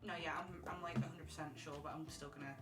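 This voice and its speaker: A woman's voice: low-pitched, steady tone, quick pace, echoey room. Giggly woman chatting over music. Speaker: player. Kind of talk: casual chat.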